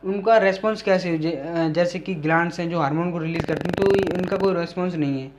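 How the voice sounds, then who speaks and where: A man teaching a biology lesson. He reads English definitions out slowly, then explains them in Hindi with many pauses and fillers. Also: fairly high pitch. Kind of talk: classroom lecture explaining biology.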